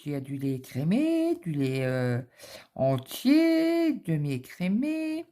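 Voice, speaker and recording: A woman's voice: deep voice, wildly swooping pitch, slow pace, mellow, slight background noise. A middle-aged woman, chatting casually and rambling through a story while she stitches in her home office. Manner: rambling anecdotal storytelling with many fillers. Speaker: cross-stitch vlogger.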